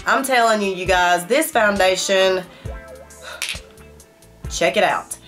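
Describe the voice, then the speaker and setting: Faint music plays behind a middle-aged woman whose mid-range voice is fairly bright and slow as she reviews makeup for her vlog. Congested from a cold, she talks casually and emphatically right to her viewers from a small home room, the camera facing her at desk distance.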